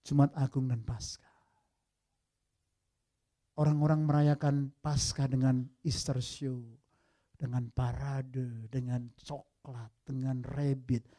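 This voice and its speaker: A male pastor preaching a sermon, swinging from loud emphatic peaks to soft low asides and mixing in English phrases. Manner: lively preaching, mixing English phrases, addresses listeners as brothers and sisters.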